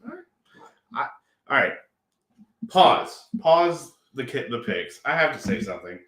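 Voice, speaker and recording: A man hosting a casual sports picks show, loose and joking with quick asides. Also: mid-range voice, sing-song, fairly bright tone, roomy sound. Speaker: show host.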